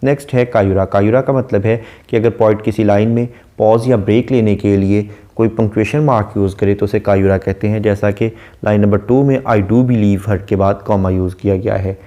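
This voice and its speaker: A man giving a literature lecture, reading English verse lines slowly and then explaining each one. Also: fairly low pitch, steady tone, mellow. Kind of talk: lecture explaining a poem line by line.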